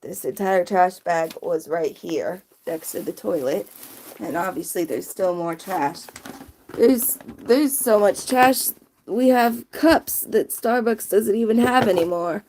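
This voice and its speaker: A drowsy woman talks her way through a late-night livestream, drifting loosely from thought to thought. She speaks at an unhurried, drawn-out pace, her pitch sitting in an ordinary middle range. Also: a little mellow, a little hiss or hum. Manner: rambling, drowsy, chatty. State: sleepy, yawning.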